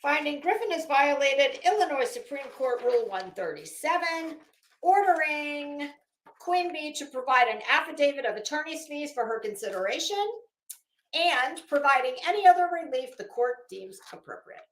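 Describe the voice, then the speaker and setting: This livestream host speaks at a normal pace in a high, animated, somewhat bright voice. Her talk is casual live commentary, informal, rambling and hesitant, broken up by reading legal documents aloud, all captured on a low-quality recording with a roomy sound.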